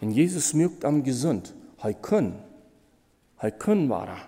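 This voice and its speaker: A man preaching a sermon in with a Low tinge, halting and emotional, repeating phrases as he goes. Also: big pitch swings, mellow, husky, long reverb tail.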